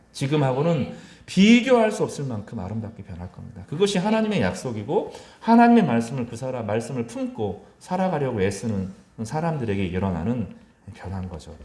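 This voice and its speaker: Animated Korean man preaching a sermon. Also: reverberant. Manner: animated, acts out mocking voices and quotes; mixes loud rising quotes with soft low asides. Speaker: pastor. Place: church sanctuary.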